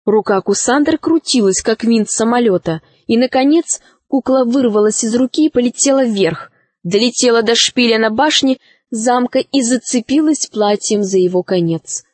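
A woman tells a fairy tale in a bright, animated reading voice. Her pitch sits a little high, and the recording is close and dry with no room around it. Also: moderate pace, no echo. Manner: lively, expressive storytelling. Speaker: narrator.

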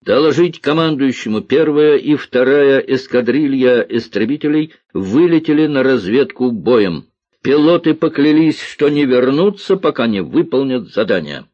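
A man's voice: mid-range voice, sing-song, measured pace, slightly rough, no echo, voice pushed up. A man doing a blustering vice-marshal. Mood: bombastic. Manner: loud, bombastic commanding speech. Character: pompous shouting old vice-marshal of aviation. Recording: dull lo-fi recording.

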